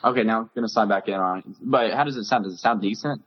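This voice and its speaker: A man's voice: fairly low pitch, fast talker, dull audio. A man co-hosting a podcast, calling in and heard through an iPad speakerphone, chatty and eager. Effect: heard over an iPad speakerphone call. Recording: echoey speakerphone call.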